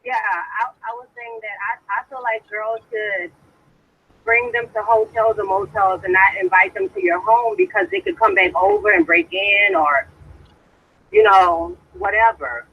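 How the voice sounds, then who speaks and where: A woman's voice: on the high side, very animated, slight background noise. Hesitant woman caller on speakerphone. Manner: hesitant, halting with many "um"s. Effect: heard over a phone on speakerphone. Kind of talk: casual call-in chat. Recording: distant tinny speakerphone sound.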